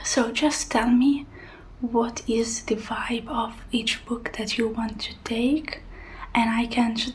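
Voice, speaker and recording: A woman in a whispered role-play as a helpful librarian, speaking in a hushed, breathy whisper. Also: a little high, a little hiss or hum. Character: helpful soft-spoken female librarian suggesting books.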